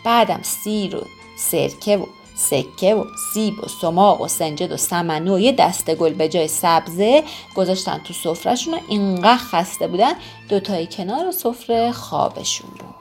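A woman telling a folk tale to listeners in an expressive, sing-song storyteller's manner. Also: mid-range voice, faint music behind.

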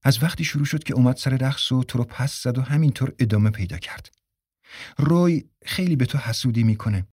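Stubborn young wife read by a male narrator: raised pitch, insistent, dry audiobook read. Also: a little mellow, slightly rough, dry recording, natural voice. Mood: coaxing. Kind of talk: audiobook character reading.

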